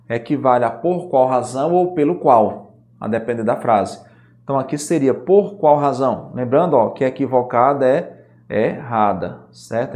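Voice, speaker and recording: A man's voice: medium pitch, a little mellow. A middle-aged man with a Brazilian Portuguese accent explains grammar rules for an exam, checking in with his students often. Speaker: Portuguese teacher. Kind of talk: exam-prep grammar lesson.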